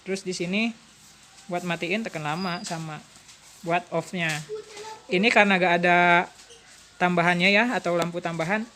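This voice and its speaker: A woman's voice: fairly low pitch, fairly even intonation, moderate pace, pauses often, a bit bright, slight background noise. Chatty woman. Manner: chatty, explains step by step. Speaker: motorcycle alarm installer. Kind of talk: casual product demonstration.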